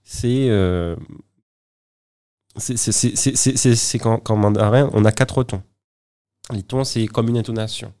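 A man's voice: fairly low pitch, steady tone, unhurried, long pauses, warm tone, clear, resonant tone. A man speaking as an interview guest in casual conversation, often stumbling over and repeating words as he explains. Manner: hesitant, many repeated words and restarts.

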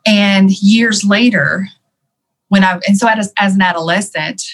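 A woman with a mid-range voice speaks a little slowly while recounting her life story as an interview guest. Her storytelling is candid and thoughtful, peppered with lots of "um" and "you know."

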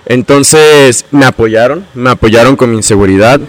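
A young man with a Mexican accent, casually telling his own story as a guest, slangy and animated, acting out the dialogue he quotes. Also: mid-range voice, moderate pace. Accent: Mexican Spanish.

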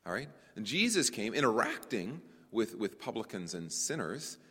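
Lively low-voiced man preaching in a hall. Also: normal speed, slightly rough. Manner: animated, repeats words while searching for phrasing; addresses listeners as brothers and sisters. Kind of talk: conference sermon. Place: conference hall. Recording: long hall reverb.

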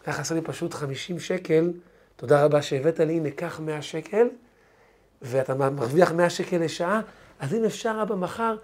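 A sweet, obedient little boy asks his father softly and earnestly, as a preacher voices him in a story. The voice is husky and a bit breathy. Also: on the high side. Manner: soft and pleading. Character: gentle, well-behaved young boy pleading with his father.

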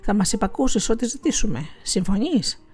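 A woman's voice: medium pitch, big pitch swings, darkish tone, natural voice. A woman voicing two cocky male dice players baiting a stranger into a bet.

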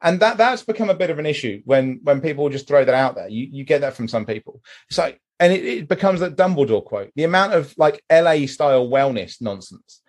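A British man speaks in a slightly raised, husky voice. He rants with emphatic, blunt swearing. His talk stays loose and conversational. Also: a little high, a little fast. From Britain. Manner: animated, emphatic ranting with swearing. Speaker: podcast host, mental health charity chair. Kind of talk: casual discussion.

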